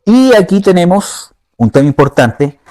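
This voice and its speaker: A man's voice: high-pitched, big pitch swings, measured pace, a little mellow. A man giving an informal teaching sermon, often checking in with his listeners and searching aloud for words. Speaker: preacher.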